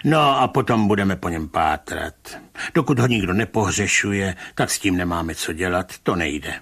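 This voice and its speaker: Storybook cop: male reader voicing a low, husky, unbothered commissioner, dry grumble. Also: a bit bright, exaggerated voice. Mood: dismissive. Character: gruff, weary middle-aged police commissioner. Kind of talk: audiobook reading of a short story.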